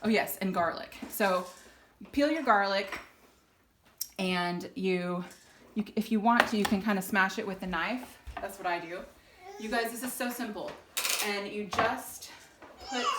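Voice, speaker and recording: Chatting in the kitchen of an old English house while her husband films, a woman from Texas in her forties shares her alumna story with lots of ums and light laughs. She has a mid-range voice, and the room echoes over background noise.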